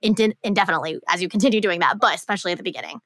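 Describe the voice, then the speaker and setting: A woman's voice: lowish voice, rapid-fire, a bit bright, no echo, clean studio sound. A woman co-hosting a business podcast in casual chat, talking loosely with lots of "like" and "um". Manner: chatty, heavy use of "like" and "um". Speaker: podcast co-host.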